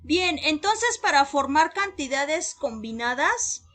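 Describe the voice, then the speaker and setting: A woman teaching an English class, explaining patiently and repeating each number clearly for learners, with emphatic drills on the English words. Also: high-pitched, big pitch swings, slow, fairly bright tone.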